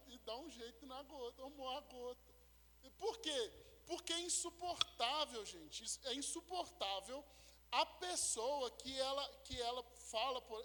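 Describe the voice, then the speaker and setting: A pastor, teaching a sermon and checking in with listeners. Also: male voice, very high-pitched, pushed and bright. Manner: explanatory, checks in with listeners often. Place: church hall. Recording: echoey church hall.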